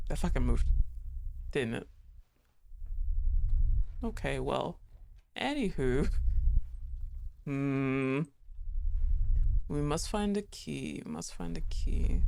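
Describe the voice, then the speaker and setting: Over a little hiss or hum, a man with a fairly high-pitched voice and vocal fry streams a horror game live. He chats casually, jokes, curses freely, and talks back to the characters on screen.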